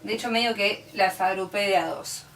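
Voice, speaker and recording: A music teacher with an Argentine accent talks at a moderate pace in a mid-range, creaky, somewhat bright voice. Her classroom explanation is patient and methodical, punctuated by "¿sí?" to confirm understanding. The sound is roomy and distant.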